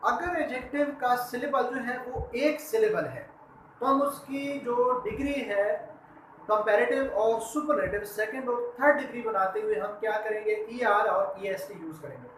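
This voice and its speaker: A teacher explains grammar, repeatedly asking a question and then answering it. The voice sits at a middle pitch. It sounds roomy, with a faint hum of noise behind it. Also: moderate pace, fairly bright tone. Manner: poses questions to the class and then answers them. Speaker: English teacher. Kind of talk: grammar lesson.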